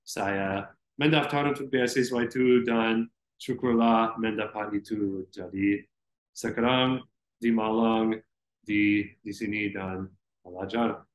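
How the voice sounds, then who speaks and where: A young American man, a native English speaker, answering interview questions haltingly in a second language with an American accent. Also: fairly low pitch, fairly even intonation. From Florida, United States. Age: young adult. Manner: halting second-language speech with frequent hesitations. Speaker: interview guest, student. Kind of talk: conversational interview. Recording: roomy, echoey sound.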